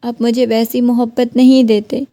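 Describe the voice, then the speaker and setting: A woman's voice: on the high side, flat delivery, warm tone, no echo, natural voice. A woman voicing a heartbroken young wife who keeps pleading with her husband. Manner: pleading, questioning.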